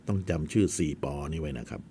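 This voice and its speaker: A man's voice: very deep voice, gravelly, dark tone, a little hiss or hum. A man teaching a history lesson in a chatty storytelling way, with asides to his students.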